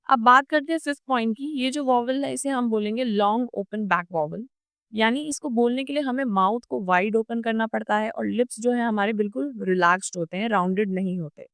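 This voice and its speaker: A young Indian woman with an Indian accent explains step by step as an online tutor, patient and methodical. Her voice is smooth and a little high, recorded dry and close with no room sound. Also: a little fast, fairly bright tone, dry recording. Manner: patient, explains step by step and drops her pitch on example words. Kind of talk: explanatory lecture.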